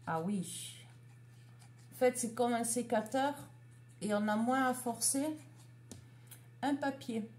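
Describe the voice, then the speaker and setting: Slow-talking woman showing a craft haul. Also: fairly high pitch, darkish tone, a little hiss or hum. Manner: slow, chatty, showing items one by one. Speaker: craft vlogger. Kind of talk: casual haul video.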